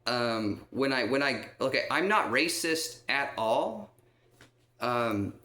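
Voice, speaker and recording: A male vlogger speaks slowly yet animatedly, his medium-pitched voice bright and forceful, while rambling through a long personal story in a care home resident's room. He repeatedly asks "okay?" and leans on lots of "um"s, and the room adds echo.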